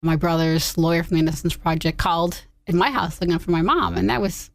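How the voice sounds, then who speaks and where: A woman's voice: lowish voice, a little fast, no echo. A middle-aged woman, a sister, recalling family events plainly in a documentary interview. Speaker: sister of the exonerated man.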